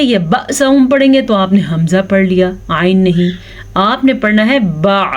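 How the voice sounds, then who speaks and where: A woman's voice: mid-range voice, a little mellow. Patient woman teaching Quran recitation. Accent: Pakistani Urdu. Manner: patient, explains then drawls out words slowly. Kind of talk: tajweed lesson with slow recited examples.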